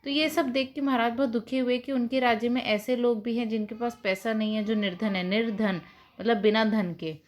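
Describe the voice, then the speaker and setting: A woman's voice: fairly high pitch, fairly even intonation, fairly quick, hardly any pauses, a little mellow. A woman, teaching children by retelling a story and explaining it in simple words.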